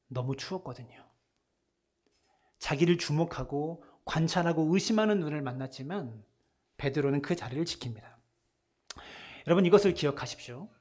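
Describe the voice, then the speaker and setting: Male pastor giving a sunday sermon, kinda husky, goes quiet then loud. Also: on the high side. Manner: swings between soft hushed lines and loud emphatic ones; acts out voices in retelling scenes. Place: church.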